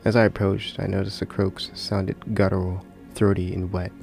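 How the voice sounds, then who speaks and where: A man's voice: sits low, level tone, moderate pace, vocal fry, a little mellow, soft background music. A man hosting and narrating scripted horror stories, recorded in a closet with a slightly muffled home sound. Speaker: horror story narrator and host.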